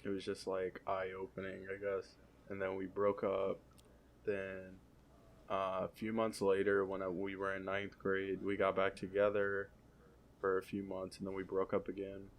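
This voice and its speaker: A young man chatting casually on a podcast, relaxed and hesitant, with many fillers. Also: low voice, a little slow, gravelly, a little hiss or hum. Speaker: podcast co-host. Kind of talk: casual chat.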